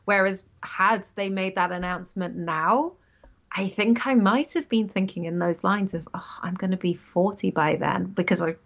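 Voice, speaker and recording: Chatty woman in her thirties, gravelly. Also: medium pitch, moderate pace. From England. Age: 30s. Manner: chatty, rambling, self-correcting with laughs. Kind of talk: casual chat. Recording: dull lo-fi sound.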